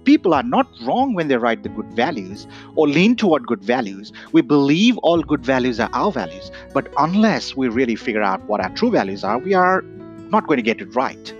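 A man's voice: mid-range voice, sing-song, normal speed. A man from Nepal giving a reflective, earnest talk, often asking "right?". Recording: dull lo-fi audio with faint guitar.

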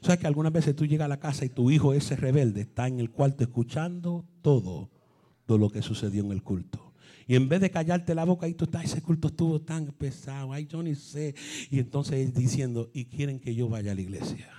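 A man preaching a lively sermon, acting out little scenes between churchgoers and their children and breaking into shouted exhortations. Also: mid-range voice, a little fast. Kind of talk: lively sermon with acted-out dialogue.

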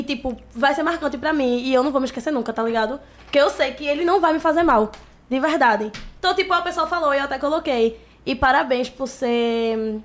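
A woman, a podcast guest speaking in a heartfelt, emphatic way in casual chat. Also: sits high. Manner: heartfelt, emphatic, uses fillers like "tipo".

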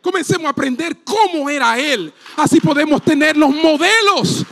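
A male pastor preaching a sermon from a church platform, rising to shouts on key points. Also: very high-pitched, moderate pace, vocal fry. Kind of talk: sermon with live demonstration.

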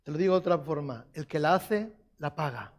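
A man's voice: on the high side, animated, brisk. A man preaching a sermon, repeating key phrases for emphasis and putting questions to the congregation.

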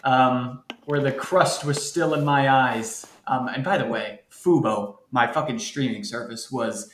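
A man's voice: medium pitch, a little slow, a bit bright, reverberant, a little hiss or hum. A man hosting a podcast, chatting casually and rambling with self-deprecating asides. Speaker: podcast host.

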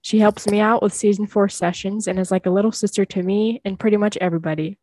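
A woman's voice: medium pitch, fairly even intonation, quick pace, a little mellow, no echo. Bubbly woman co-host, dry sound. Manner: bubbly, gushing enthusiasm. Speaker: podcast co-host. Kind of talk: casual chat.

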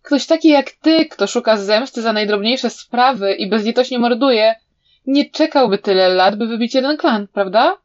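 A woman voicing a sharp-tongued young male hero who cuttingly provokes and interrogates his enemy, in a slightly dull recording. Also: fairly high pitch, animated, normal speed, lightly acted. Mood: taunting.

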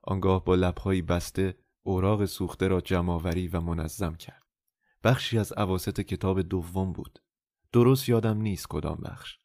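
A man narrating a novel as an audiobook in a measured, calm first-person storytelling manner. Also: low-pitched, dry recording, clean studio sound.

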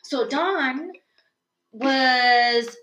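A young woman co-hosting a podcast, telling a folk tale in a rambling, animated way and laughing often. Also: high-pitched, extremely slow. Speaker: podcast co-host. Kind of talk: casual storytelling chat. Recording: echoey room.

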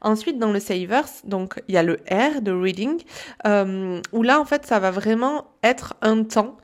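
Woman, wellness coach, casual spoken advice, chatty, frequent hesitations, mid-range pitch. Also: lively intonation. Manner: chatty, many pauses with "euh" and "hop".

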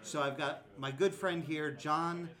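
A fairly high-voiced man hosts a casual podcast from a comic book store, rambling loosely with many fillers and laughing often. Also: measured pace, fairly bright tone. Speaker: podcast host. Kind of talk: casual chat.

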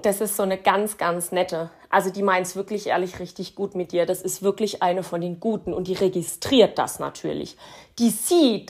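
A woman's voice: mid-range voice, darkish tone. A woman teaching about horse training in a chatty lesson, talking straight to the listener with plenty of fillers. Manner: chatty, addresses listener directly as "du", many fillers. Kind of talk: spoken lesson with thought experiments.

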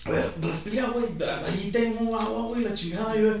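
A young man with a Mexican accent telling a story on a casual podcast, full of crude slang and lively retelling. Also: high voice, fairly quick, creaky. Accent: Mexican Spanish. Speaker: podcast host. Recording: echoey room, far from mic, faint noise.

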